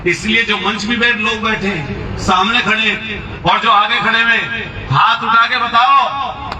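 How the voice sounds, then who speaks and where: High, booming male rally orator, echoing. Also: measured pace. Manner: rousing, calls out questions and slogans to the crowd. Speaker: political speaker at a rally. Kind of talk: booming political rally speech. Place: large outdoor political rally. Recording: echoey loudspeaker, distant, noisy outdoor crowd.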